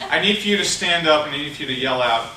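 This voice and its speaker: A man running a live sales training seminar in a large room, animated and playful, shouting instructions to volunteers. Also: fairly high pitch, fast. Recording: echoey room recording from far off, noisy.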